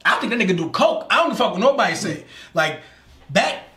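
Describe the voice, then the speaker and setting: A man with a notably high speaking voice trades casual, slang-filled banter on a podcast. The room around him rings with echo, and his delivery stays loose and joking. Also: big pitch swings, fast, sharp tone. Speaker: podcast co-host. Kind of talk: casual chat. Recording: echoey room.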